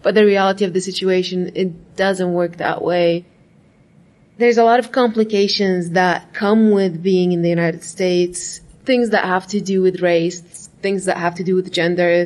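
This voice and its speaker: A fairly low, slightly mellow voice belongs to this graduate student from Iraq. She talks thoughtfully in a casual interview, often saying "like" and "right?".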